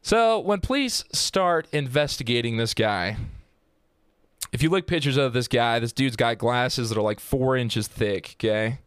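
A man's voice: mid-range voice, lively intonation, a little slow, smooth, dry recording, studio quality. A man hosting a casual true-crime podcast, telling the story in a joking, profane and rambling way. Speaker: podcast host.

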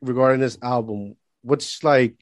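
A man interviewing a singer, asking halting questions with many restarts and affirming his answers. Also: medium pitch, dry recording. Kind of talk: casual interview chat.

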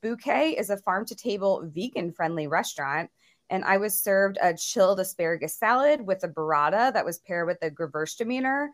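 A woman's voice: medium pitch, lively intonation, brisk. A woman co-hosting a casual food podcast, upbeat and chatty with lots of "like" fillers. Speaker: podcast co-host.

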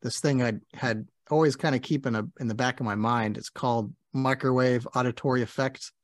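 A man's voice: medium pitch, fairly even intonation, fairly quick, no room sound, studio quality. A man co-hosting a podcast who reads a definition aloud, then cracks a joke about it. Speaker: podcast co-host. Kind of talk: casual chat.

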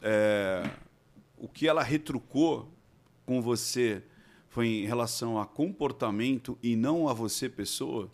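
A man's voice: mid-range voice, measured pace. A man, a podcast guest and expert who explains things didactically and keeps checking that he is understood. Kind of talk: explanatory conversation.

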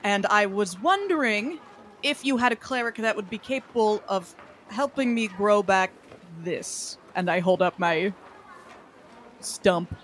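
A woman's voice: medium pitch, unhurried, a bit bright, a little hiss or hum. Dryly argumentative woman playing a tabletop game. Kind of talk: casual in-character game chat.

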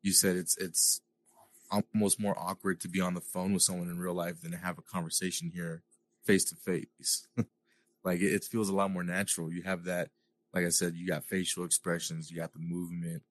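A man co-hosts a podcast, chatting in a laid-back, conversational way. His voice is very deep and barely moves in pitch, heard through a VR headset mic. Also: level tone, a little fast. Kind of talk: casual chat.

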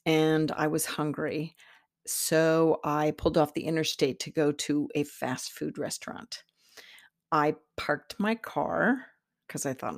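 Low gravelly woman telling a personal story. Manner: reflective, halting, with restarts. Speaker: podcast host.

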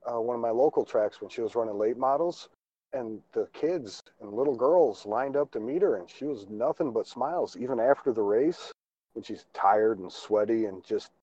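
Co-host, man from Chicago, mellow tone, blunt jokey delivery, muffled lo-fi mic. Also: medium pitch, moderate pace, no echo. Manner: blunt, joking, swears casually. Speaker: podcast co-host. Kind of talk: casual chat.

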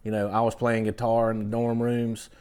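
A man's voice: mid-range voice, monotone, darkish tone, clear, resonant tone. Rambling man telling stories. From southern Georgia, US. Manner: rambling, halting, many fillers and restarts. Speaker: podcast guest, songwriter. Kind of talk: casual storytelling chat.

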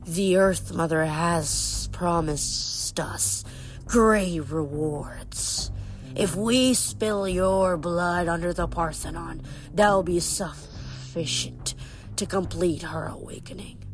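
A woman reads as an ancient serpent king, bitter and old, drawing each word out slowly as though half in a trance. His voice sits low and soft, with a little music faintly underneath. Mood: entranced. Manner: slow, entranced delivery.

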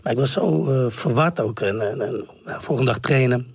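A man in his forties, a former footballer, telling stories in a casual interview with a husky voice that cracks at times and many fillers. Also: mid-range voice, normal speed, dry recording. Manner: rambling storyteller, many fillers and restarts. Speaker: guest, former professional footballer.

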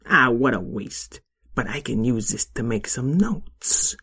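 A man voicing a scrappy young male weasel, a cheeky schemer who talks fast and fumbles with fillers. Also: medium pitch, animated, creaky, fairly bright tone, husky, full character voice. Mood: eager.

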